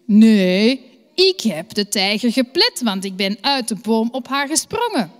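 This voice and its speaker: A woman voicing a big heavy bear in a children's story, loud, low and insistent. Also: sing-song, a little slow. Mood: boastful. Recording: long hall reverb.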